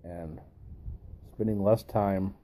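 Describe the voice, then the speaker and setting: With a pipe between his lips, this male video host delivers a thoughtful philosophical monologue, hesitating often and pausing at length. His voice is low and dark, and his intonation stays fairly even.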